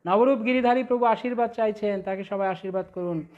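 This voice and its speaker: A man preaching a devotional sermon online, fervent and rising on ecstatic phrases, slipping into slow melodic chanting of hymn verses. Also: sits high, darkish tone, dull audio. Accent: Bengali. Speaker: preacher leading an online class.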